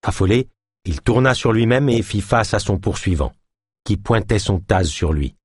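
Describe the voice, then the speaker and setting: A man narrating a thriller novel as an audiobook in a steady, measured reading. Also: on the low side, slightly rough, no echo, studio quality.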